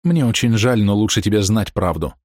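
A man's voice: on the low side, expressive, fairly quick, a little mellow, no echo, studio quality. A man voicing a remorseful young wife who confesses her adultery in an anguished, pleading way. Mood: confessing. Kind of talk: audiobook character voice.

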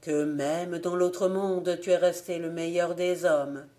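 An old gravedigger, humble and anxious, as a woman reader puts him on, pleading in a slow, slightly low voice. A spoken storybook voice, plain and earnest. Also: steady tone, dark tone. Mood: relieved. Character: old frightened village gravedigger man.

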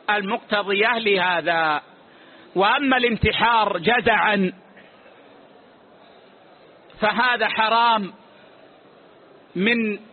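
A man with a very high voice teaches a religious lesson, answering questions in a measured, authoritative way. The recording is tinny and narrow, like a phone line. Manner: measured, authoritative, closes each answer with a short "yes".

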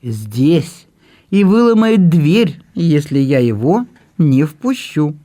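A man reading an audiobook and voicing a gentle older brother who speaks softly and jokes kindly. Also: on the high side, big pitch swings, takes it slowly. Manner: soft, kindly, gently joking.

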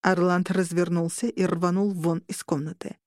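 A woman reading a fantasy audiobook in the first person with an even storytelling delivery. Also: lowish voice, moderate pace, no echo, studio quality. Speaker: audiobook narrator.

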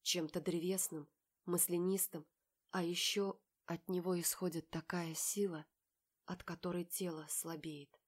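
A woman's voice: lowish voice, little pitch movement, unhurried. Woman narrating an emotional novel. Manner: emotional, breathy-soft in inner thoughts, raised in quarrels. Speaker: audiobook narrator. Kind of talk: first-person novel narration.

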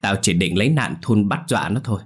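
A man's voice: on the low side, animated, quick pace, breathy edge. A man voicing a brutal middle-aged village man with a violent temper, snarling coarse threats.

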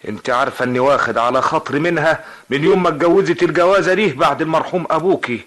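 An actor playing an elderly kindly uncle. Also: male voice, fairly high pitch, a bit bright, lightly acted. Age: older. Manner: slow, kindly, sighing. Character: elderly uncle, gentle and weary. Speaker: visiting uncle. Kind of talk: vintage radio drama acting.

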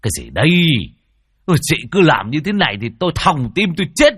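A man voicing a gruff, bossy old village shaman who barks orders in a blustery way. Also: lowish voice, big pitch swings, moderate pace, sharp tone, dry recording, clean studio sound, full character voice.

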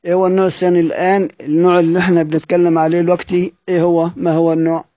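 A man's voice: high voice, level tone, very fast, a little mellow, dry recording. A man with an Egyptian Arabic accent, teaching a classroom lesson on recitation; he repeats his questions to the students and draws out words as he recites. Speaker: teacher of Quranic readings.

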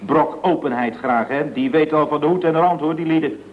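A man's voice: a little high, brisk, close to an everyday voice. A man playing a dry, formal, deferential male clerk in a 1960s radio comedy. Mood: deadpan. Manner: dry, formal, ends every phrase with "chef". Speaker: employee of the firm. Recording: dull lo-fi old radio recording.

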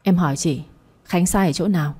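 A woman's voice: lowish voice, fairly quick, mellow, slightly rough. A woman voicing a grown younger brother who curtly defends his wife. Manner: curt, snapping.

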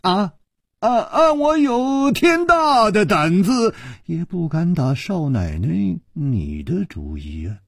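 A male storyteller puts on a suave swordsman hero, teasing with a high, lively, laughing voice. The pitch leaps around while the tone stays husky and unhurried. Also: dry recording, clean studio sound, heavily acted.

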